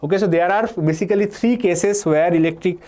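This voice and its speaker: A high, warm male voice, a little fast. It comes from a young Indian man teaching a live online physics exam-prep class who explains step by step, reads students' names and chat answers aloud, and repeats key points between "uh"s and "okay"s.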